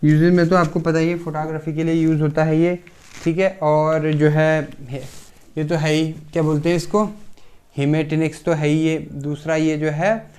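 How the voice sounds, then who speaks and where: At a normal speed, a male pharmacy lecturer delivers a relaxed chemistry lesson in a somewhat high voice. He explains each step, fields his own questions, and checks in with students by repeating "theek hai."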